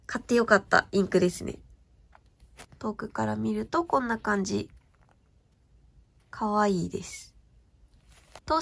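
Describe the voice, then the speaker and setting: A fairly bright voice on the high side belongs to a young stationery vlogger. Casually showing and telling, she gushes about what she bought and repeatedly asks viewers if the sparkle comes through.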